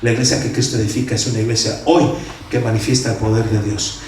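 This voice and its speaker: Animated older pastor in an echoey hall. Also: male voice, medium pitch, fast, a little hiss or hum. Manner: animated storytelling, acting out quoted voices. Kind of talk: sermon. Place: church hall. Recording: echoey church from far off.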